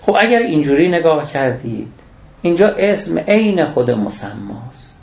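A man's voice: fairly high pitch, big pitch swings, gravelly, a little mellow. A man giving a religious lecture on scripture, reciting Arabic phrases and then explaining them, posing rhetorical questions and answering them himself. The recording is echoey and dull.

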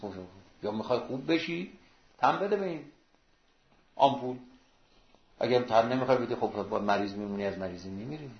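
A man preaching a sermon, emphatic and exhorting, with sudden rises and hushed drops, in a roomy, dull recording. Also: mid-range voice, long pauses.

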